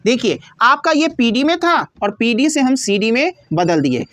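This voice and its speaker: Lively high-voiced woman teaching grammar. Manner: asks questions and answers them herself, repeats key words slowly. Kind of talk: explaining a grammar lesson.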